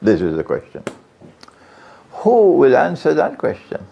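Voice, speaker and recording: A man's voice: wildly swooping pitch, a little slow, vocal fry, breathy edge. A man preaching a sermon, questioning his audience often. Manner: questions the audience, varies his pitch widely. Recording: lo-fi, dull sound.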